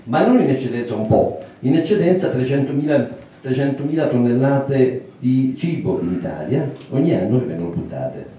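A man in his sixties giving a public talk in a small meeting room, speaking thoughtfully with many pauses, fillers and restarts. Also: mid-range voice, animated, dark tone, muffled recording, slight background noise. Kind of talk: public lecture. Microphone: handheld mic, recorded by a far camera. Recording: roomy echo from a distant camera.

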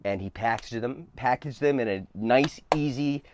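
A man's voice: mid-range voice, moderate pace, noisy background. Chatty young man touring his work van. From New Jersey. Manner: relaxed, chatty, many fillers and restarts. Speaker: plumber giving a van tour. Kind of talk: casual show-and-tell. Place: inside and beside a work van, outdoors.

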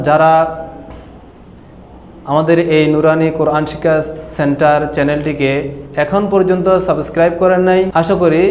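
A man teaching Quran reading letter by letter, explaining patiently and slowly drawing out each sound. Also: on the high side, a little mellow, a little hiss or hum. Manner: slow, repetitive explanation, drawn-out letter sounds. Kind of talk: online recitation lesson. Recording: echoey room with long reverb.

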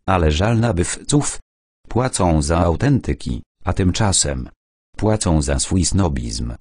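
A man's voice: low-pitched, expressive, slow, a little mellow, no room sound, clean studio sound, exaggerated voice. A man voicing a boastful, whiny art forger. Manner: self-pitying, then boastful.

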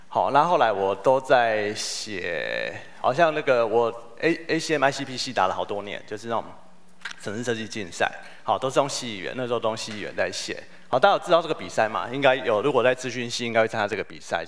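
A man in his 40s with a lowish, fairly bright voice delivers a conference keynote in a hall. He tells stories with humor and pokes fun at himself along the way.

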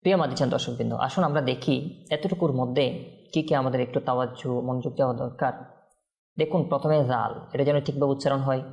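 A man teaching Quran recitation on a televised lesson. He chants the verses slowly, repeats single words to drill them, and breaks in with quick explanations and frequent check-ins with the viewer. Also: medium pitch, gravelly, darkish tone, muffled recording.

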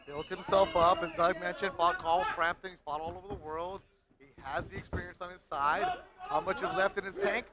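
A man's voice: high voice, steady tone, a little fast. A man doing live play-by-play boxing commentary in clipped, short phrases. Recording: live event with crowd noise behind. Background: boxing crowd.

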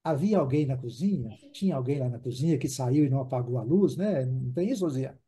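A man's voice: mid-range voice, expressive, fast talker, dark tone, slightly rough. A man teaching an online English class in Portuguese, patiently repeating words for drills and checking in with the class.

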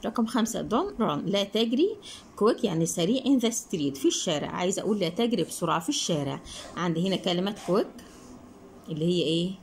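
A woman with an Egyptian Arabic accent explains an English textbook lesson. She asks questions and answers them herself, and she reads the English words slowly before explaining them quickly. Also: on the low side, very animated, slight background noise, poor audio. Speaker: English teacher.

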